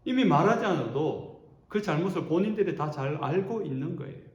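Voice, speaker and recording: A man preaching a sermon as pastor, animated and expressive, acting out quotes as he goes. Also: a little high, brisk, muffled recording. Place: church sanctuary. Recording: roomy church echo.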